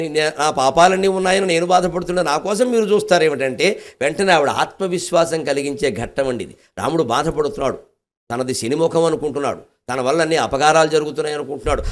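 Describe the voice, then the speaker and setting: An older man with a Telugu accent delivering a devotional discourse, telling the epic with humorous asides and acted-out quotes. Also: a little high. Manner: animated storytelling, acting out quotes, humorous asides. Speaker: spiritual discourse speaker.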